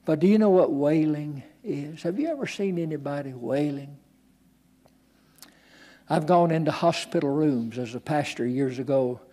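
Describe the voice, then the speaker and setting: An older man preaches to his congregation in a church, leaning into drama and giving voice to the people in his stories. His voice sits a little high for a man. He speaks slowly and deliberately. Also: mellow. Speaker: pastor. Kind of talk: sermon.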